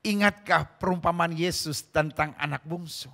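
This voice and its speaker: A middle-aged male pastor preaching a sermon with fervent emphasis, moving between hushed and emphatic delivery. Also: on the high side, normal speed, creaky.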